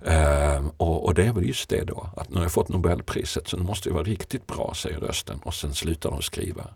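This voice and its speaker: A man's voice: low-pitched, vocal fry, darkish tone, slightly rough, dry recording. A poet being interviewed, a man talking in a thoughtful, musing way and laughing often. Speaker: poet, podcast guest. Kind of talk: reflective conversation.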